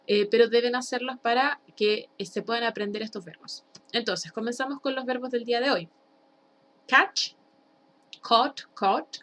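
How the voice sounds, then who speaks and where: A woman's voice: a little high, a bit bright, slight background noise. Woman teacher drilling pronunciation, Chilean accent. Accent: Chilean Spanish. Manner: switches English and Spanish, drills pronunciation slowly and emphatically. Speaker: high school English teacher. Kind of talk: recorded bilingual online lesson.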